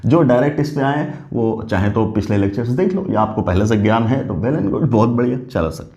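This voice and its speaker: A man's voice: mid-range voice, lively intonation, fairly quick, highs cut off. Man teaching a chemistry class. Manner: coaxing, asks questions and answers them himself; praises students warmly as he goes. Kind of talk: classroom lecture.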